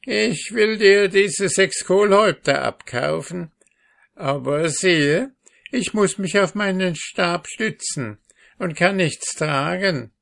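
A man voicing a spiteful old crone with a hoarse, cackling voice in a storybook reading. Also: fairly high pitch, a bit bright, pitched above the performer's own voice, full character voice. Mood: scheming. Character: spiteful hook-nosed old crone, a witch.

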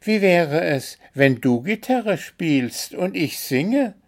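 A man's voice: a little high, sing-song, slow, voice pushed up, full character voice. A man voicing an earnest, musing male would-be musician in a storybook.

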